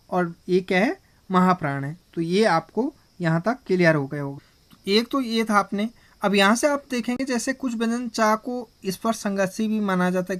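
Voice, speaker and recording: A man's voice: high voice, a bit bright. A man teaching Hindi grammar in a classroom style. He asks himself questions, answers them, and keeps checking in with his listeners. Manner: slow, repetitive spelling-out of sounds.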